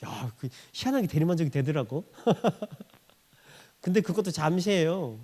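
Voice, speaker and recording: Man, pastor, church sermon, high-pitched, animated delivery. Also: unhurried. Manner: animated, acts out quoted voices, laughs often.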